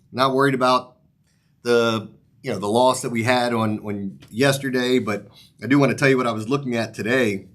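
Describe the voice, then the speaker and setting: A man's voice: medium pitch, fairly bright tone. A man hosting a sports betting show, talking casually and ramblingly to viewers with mild swearing, his articulation slightly off as if his mouth is numb from the dentist. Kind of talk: casual sports picks commentary, straight to viewers.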